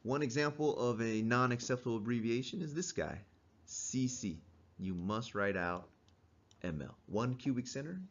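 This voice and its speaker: A male instructor giving a casual classroom lecture, quizzing students and chuckling now and then. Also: mid-range voice. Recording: dull lo-fi recording.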